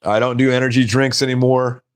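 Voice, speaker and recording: A man's voice: medium pitch, level tone, fairly quick, clean tone. A man hosting a casual live stream, rambling and laughing at his own stories.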